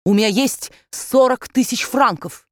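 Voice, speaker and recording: A woman's voice: fairly high pitch, measured pace, no room sound, studio quality, voice pushed up, close to an everyday voice. A woman voicing an earnest, imploring young maid.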